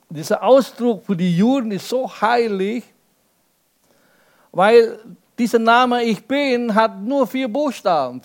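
A male preacher delivers a sermon, explaining step by step and posing rhetorical questions. He swings between loud emphasis and soft, low asides.

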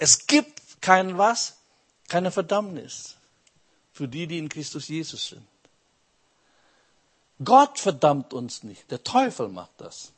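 A man preaching a sermon with emphasis, asking the congregation questions as he goes. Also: fairly high pitch.

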